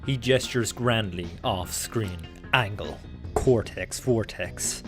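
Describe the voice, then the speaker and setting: A man narrating screenplay stage directions in a deliberate, theatrical dramatic reading. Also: lowish voice, over music.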